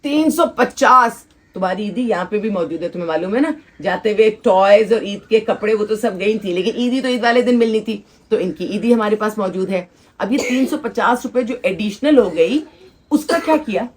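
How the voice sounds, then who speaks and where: A woman's voice: mid-range voice, moderate pace, a little mellow. Coaxing woman hosting children. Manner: coaxing, teasing, leads applause. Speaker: host of a children's shelter event. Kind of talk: casual talk with children before a gathering. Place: children's shelter gathering.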